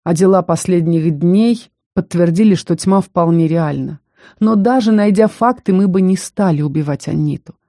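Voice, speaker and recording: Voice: mid-range voice, mellow, no room sound, studio quality, natural voice. A narrator voicing a cold, stern young mage. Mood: somber. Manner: cold, firm, measured. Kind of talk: audiobook character reading.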